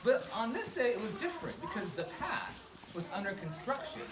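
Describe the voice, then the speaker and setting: She talks fairly quickly in a fairly high, sing-song voice, telling a casual, self-mocking story to a group and encouraging them to join in. The mic is far off, the space echoes, and a crowd of listeners calls out throughout.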